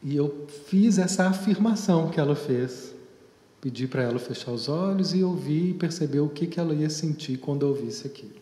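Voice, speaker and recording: A man's voice: a little high, mellow. Mineiro man speaking in an echoey hall. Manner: unhurried, storytelling, drawn-out pauses. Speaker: psychotherapist. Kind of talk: reflective talk on therapy and leadership. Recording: echoey hall with long reverb.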